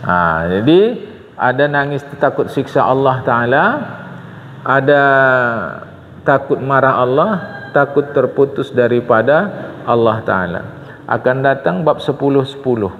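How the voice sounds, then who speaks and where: A man's voice: mid-range voice, unhurried, long pauses, a little hiss or hum. An older man teaching an Islamic study session to a congregation. He speaks earnestly, keeps calling on his listeners and asks them rhetorical questions. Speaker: religious teacher. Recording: reverberant hall, dull lo-fi sound.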